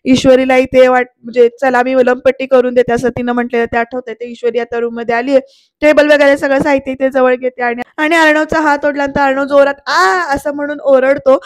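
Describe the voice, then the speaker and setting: A TV serial reviewer chats through an episode recap in a voice-over, addressing her viewers directly. Her voice is high-pitched and flat, her pace quick, and the voice-over mic picks up no room sound.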